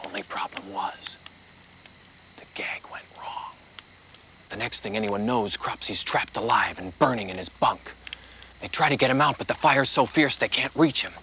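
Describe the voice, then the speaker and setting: Guy doing a slow creepy campfire ghost story, low hushed voice, noisy old film sound. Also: close to an everyday voice. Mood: rising frantic. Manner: hushed whispering building to shouted climaxes. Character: adult man telling a campfire horror story to kids. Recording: film audio with background noise.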